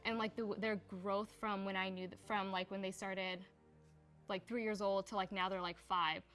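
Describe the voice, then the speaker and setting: A woman's voice: medium pitch, flat delivery, normal speed, a bit bright, soft background music. A young woman from Somalia in a casual personal interview, talking in a chatty, unpolished way with lots of filler words. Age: young adult. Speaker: interviewee in a community profile.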